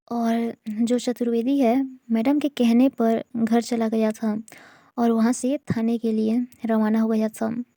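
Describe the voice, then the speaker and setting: A woman narrating an audio love story in a slow, conversational manner with casual asides. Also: on the high side, vocal fry, mellow, no echo, studio quality.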